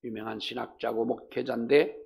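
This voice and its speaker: A male pastor with a gravelly voice, preaching a fervent sermon that swings between loud exhortation and hushed storytelling. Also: mid-range voice, steady tone, brisk.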